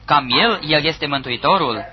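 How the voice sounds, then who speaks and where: Man preaching, higher voice, lively, emphatic pauses, dull lo-fi recording, audience present. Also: crowd noise. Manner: reads scripture aloud with emphatic pauses. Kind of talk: sermon.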